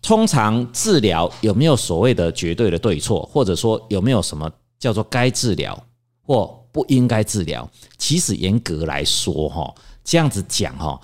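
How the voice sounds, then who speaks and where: A man, a lawyer explaining legal points in a measured way, full of drawn-out fillers. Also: fairly low pitch, big pitch swings, darkish tone. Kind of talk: discussion.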